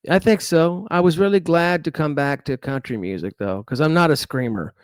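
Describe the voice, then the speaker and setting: His voice is a little high, clear, and resonant, at normal speed, captured in clean studio sound with no room sound. He is a middle-aged Texan musician from Dallas, speaking with a Texan accent as a guest in a casual interview chat, rambling easily with fillers and restarts.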